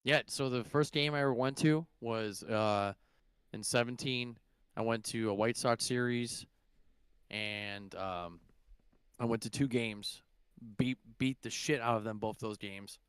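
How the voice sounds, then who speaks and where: A man's voice: medium pitch, a little slow, a bit bright, clean tone, no room sound. Profane rambling young man. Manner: rambling, profane, lots of fillers. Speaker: podcast co-host. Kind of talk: casual chat.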